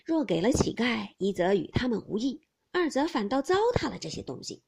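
An old Taoist priest flatters and coaxes with humble, smiling words, as a woman storyteller plays him. The voice rises and falls with lively turns. A soft breathiness runs through it. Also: high-pitched, normal speed, husky, exaggerated voice. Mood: coaxing. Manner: humble, coaxing, smiling speech.

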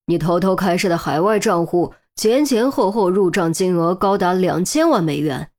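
A woman's voice: on the low side, normal speed, a little mellow, lightly acted. A woman voicing a stern, scheming male section chief who scolds sharply and teases in banter, reading an audiobook story.

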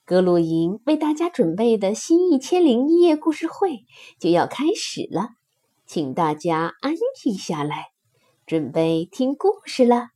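Slow, breathy woman telling a children's story. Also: mid-range voice. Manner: gentle, expressive, sing-song.

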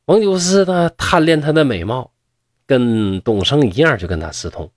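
A man's voice: mid-range voice, animated, moderate pace, dry recording, studio quality. A man telling a folk tale in a chatty manner with mocking asides. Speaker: storyteller.

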